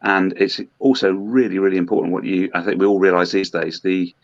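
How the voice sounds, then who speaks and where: Man, brewery rep, deep flat delivery, halting speech, dull lo-fi recording. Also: dry recording. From Hong Kong. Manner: hesitant, many ums and restarts. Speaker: brewery representative. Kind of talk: podcast interview. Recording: dull lo-fi dry sound.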